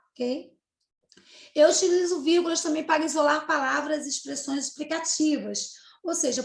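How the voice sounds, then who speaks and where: A woman's voice: sits high, vocal fry. A woman with a Brazilian accent, a Portuguese teacher explaining grammar step by step and checking in often with her class. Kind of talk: recorded grammar lesson for 7th grade. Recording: echoey room.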